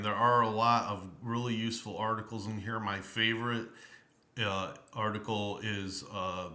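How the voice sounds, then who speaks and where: A man giving a relaxed spoken review of an old tabletop game book, slow and rambling, full of ums and uhs. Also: fairly low pitch, echoey room. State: tired, yawning.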